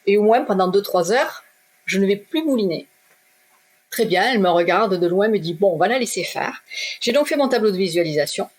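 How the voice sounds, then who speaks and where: A middle-aged woman from southwest France, a shop owner, telling her own story in a direct, lively way and acting out the dialogue. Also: medium pitch, a little fast. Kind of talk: animated personal storytelling.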